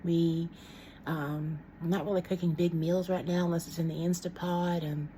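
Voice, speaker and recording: A middle-aged woman talks casually to her camera at home. Her voice sits a little low and has a mellow, warm tone. She rambles frankly, with plenty of ums and false starts, and a faint hum of room sound lies underneath. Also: flat delivery, normal speed. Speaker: vlogger.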